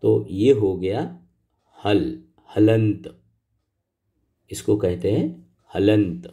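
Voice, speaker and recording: A man's voice: fairly low pitch, steady tone, extremely slow, creaky, mellow. A middle-aged man teaching a school grammar lesson, explaining patiently step by step and asking the pupils questions.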